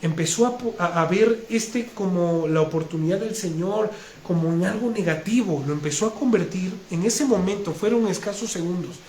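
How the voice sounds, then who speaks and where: Earnest high-voiced preacher, echoey hall. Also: male voice, normal speed, darkish tone. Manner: earnest, heartfelt storytelling with frequent restarts. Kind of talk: personal testimony in a sermon. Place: congregation hall. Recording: echoey room with faint noise.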